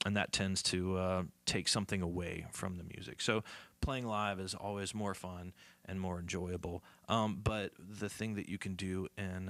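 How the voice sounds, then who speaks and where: A man's voice: low voice, vocal fry, a bit bright, dry recording. A male musician from the southern United States, telling rambling stories with lots of fillers. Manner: rambling, many fillers, acts out voices. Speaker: musician guest. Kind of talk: casual storytelling.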